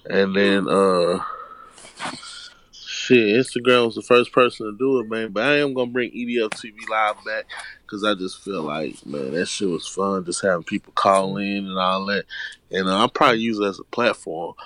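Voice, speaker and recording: A man's voice: on the low side, moderate pace, fairly bright tone. A man in his thirties from Houston with a Southern drawl, talking loosely and slangily as a guest rapper in an interview. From Houston, Texas. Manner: laid-back, slangy, rambling with restarts. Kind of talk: casual interview chat.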